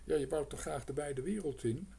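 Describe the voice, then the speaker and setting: A man doing a lively young girl. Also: medium pitch, measured pace, gravelly, slightly rough, exaggerated voice. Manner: lively, protective. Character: spirited young girl caring for pets.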